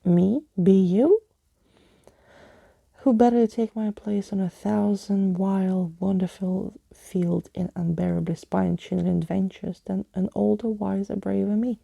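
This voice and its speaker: Skeleton Keys, whispery theatrical skeleton gentleman voiced by a woman. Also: mid-range voice, steady tone, unhurried, vocal fry, no room sound, dull audio. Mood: excited, grand. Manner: florid, exclamatory, old-fashioned wording. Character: Skeleton Keys, flamboyant old-fashioned male skeleton adventurer, theatrical.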